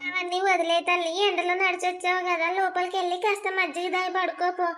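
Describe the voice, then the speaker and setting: A woman's voice: very high-pitched, monotone, quick pace, fairly bright tone. A woman voicing a shamed, angry middle-aged village mother who scolds her son in a cartoon. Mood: scolding. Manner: scolding, reproachful. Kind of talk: cartoon voice acting.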